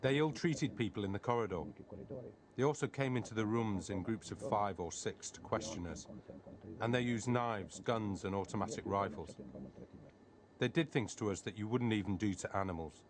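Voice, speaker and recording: A man speaks through a disguised deep voice, keeping his account sober and matter-of-fact. His altered voice sits low. Steady noise runs under the recording. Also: moderate pace. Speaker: witness, former prisoner. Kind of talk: testimony.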